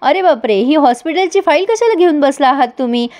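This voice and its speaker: Woman reading as a gentle teasing husband. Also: high-pitched, animated, brisk. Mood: playful. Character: gentle teasing young husband, warm and playful.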